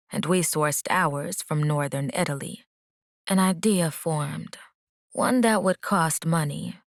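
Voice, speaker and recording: A woman reading a first-person romance audiobook in an expressive, conversational way. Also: low voice, no room sound, clean studio sound. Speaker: audiobook narrator.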